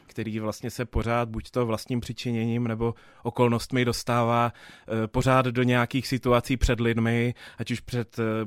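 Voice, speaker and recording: A man's voice: medium pitch, no echo, clean studio sound. A young man, a theatre dramaturg answering interview questions thoughtfully, with many fillers and restarts. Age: 20s.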